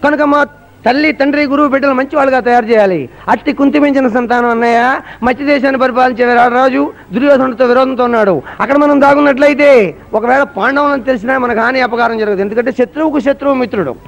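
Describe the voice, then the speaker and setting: A man's voice: very high voice, fast talker, creaky, lo-fi sound. A man telling a satirical harikatha in a Coastal Andhra Telugu accent, theatrical and humorous, slipping into song. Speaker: harikatha performer. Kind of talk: satirical harikatha storytelling with sung verses.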